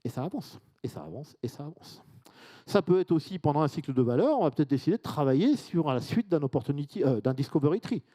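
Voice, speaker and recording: A Frenchman gives a relaxed conference presentation, talking chattily with asides and questions thrown to the audience. His voice sits on the high side with a dark tone, very animated and quick.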